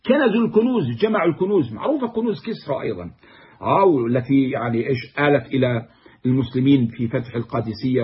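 A man's voice: fairly high pitch, slightly rough. A man lecturing on classical poetry, reciting verses and then explaining them word by word. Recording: dull, muffled lo-fi recording.

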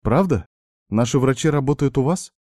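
Man doing a defiant young woman doctor, higher voice, snappy retorts, dark tone. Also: animated, normal speed, no echo, clean studio sound, natural voice. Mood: wary. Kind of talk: audiobook dialogue reading.

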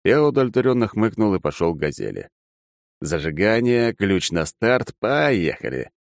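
Lively, wry male audiobook narrator. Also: on the low side, moderate pace, no echo, clean studio sound. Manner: wry, sarcastic, lively delivery. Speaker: audiobook reader. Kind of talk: scripted narration.

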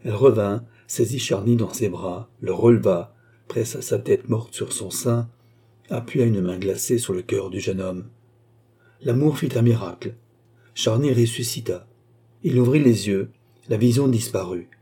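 Man narrating an old novel, very dark mellow voice, kinda husky, calm reading. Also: on the low side, unhurried. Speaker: audiobook narrator. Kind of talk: scripted narration of a classic novel.

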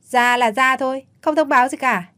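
A woman voicing a lively, joking young man who talks fast and loud. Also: high-pitched, voice pushed up. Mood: cheerful. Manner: quick, loud and breezy.

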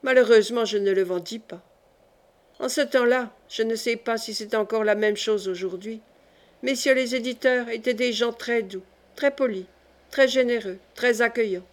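A woman reading a classic novel aloud in the first person, in a measured and expressive way. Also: on the high side. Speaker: audiobook reader.

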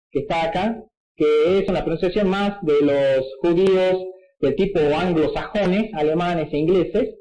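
A man's voice: sits high, darkish tone, roomy sound, poor audio. A man giving an explanatory Bible lesson, didactic and often checking in with his listeners. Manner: didactic, frequent checking "¿sí?" asides. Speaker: preacher teaching at a whiteboard.

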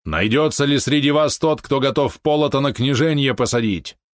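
A man's voice: mid-range voice, normal speed, dry recording, studio quality, voice pushed up, natural voice. A man voicing a commanding warrior prince in an audiobook, stern and mocking.

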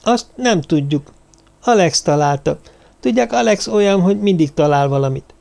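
A small, timid woman from a traveling circus speaks earnestly and deferentially, with a raised, lively voice, as a male narrator puts her on. She politely answers an interrogation in an audiobook. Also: high-pitched, vocal fry, voice pushed up. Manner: earnest and deferential, says "uram" often.

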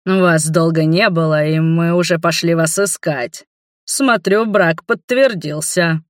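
An audiobook reader voicing a proud, booming male king in a fantasy novel, loud and solemn. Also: moderate pace, no echo, clean studio sound, lightly acted.

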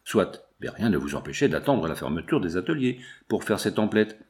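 A man's voice: deep voice, very animated, brisk, darkish tone. A man voicing a harsh middle-aged factory owner in an audiobook, speaking curtly. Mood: stern. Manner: curt, harsh. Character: stern middle-aged male factory boss.

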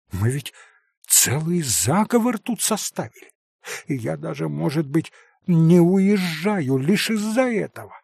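A fluttering, excitable middle-aged lady rushes through her words in a high, breathless voice, as a male audiobook reader puts her on. She is theatrical and fussy, forever gushing. The sound is dry and close, with a husky edge. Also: no echo, exaggerated voice. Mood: conspiratorial. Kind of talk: audiobook character reading.

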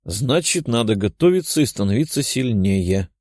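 A man's voice: medium pitch, animated, moderate pace, a little mellow, no echo, natural voice. A man voicing a wry young man who can turn into a demon, talking in a dry, resigned way. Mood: determined.

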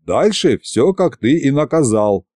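A man's voice: mid-range voice, very animated, a little slow, mellow, no echo, clean studio sound, pitched above the performer's own voice. A man voicing a greedy, chatty three-headed male dragon who whines and squabbles, read as part of an audiobook. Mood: reporting. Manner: squabbling, whiny, gluttonous chatter.

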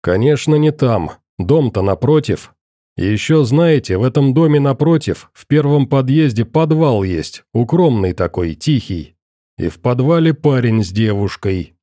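A man's voice: mid-range voice, expressive, warm tone, no echo, clean studio sound, natural voice. A man voicing a coldly polite middle-aged interrogator in an audiobook, courteous and probing. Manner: pointedly courteous, probing, deliberate.

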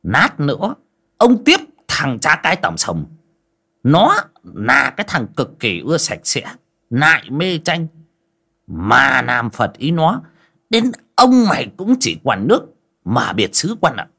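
A man's voice: medium pitch, wildly swooping pitch, takes it slowly, vocal fry, pushed and bright, husky, voice pushed up, heavily acted. A man voicing an angry old master who curses and scolds his servant. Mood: angry scolding. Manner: bellowing, cursing. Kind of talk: audio folk story narration.

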